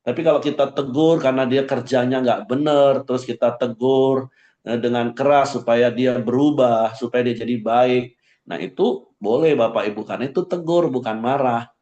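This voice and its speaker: A man's voice: moderate pace, mellow, dull audio. Man teaching a devotion over an echoey call. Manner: conversational, rises sharply for emphasis, ends points with a low aside. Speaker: pastor. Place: online morning devotion meeting.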